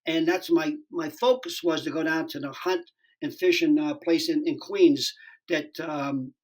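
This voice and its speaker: A man's voice: fairly high pitch, unhurried, rough recording. A stand-up comedian in his sixties telling a story as a podcast guest, rambling and profane with lots of restarts. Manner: rambling, animated, profane, many fillers and restarts. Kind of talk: casual storytelling interview.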